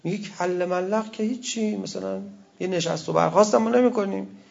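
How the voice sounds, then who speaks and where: A man's voice: high voice, fairly even intonation, gravelly, a little mellow. A man, a cleric, giving a conversational sermon with wry asides and quoted verse. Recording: dull lo-fi recording.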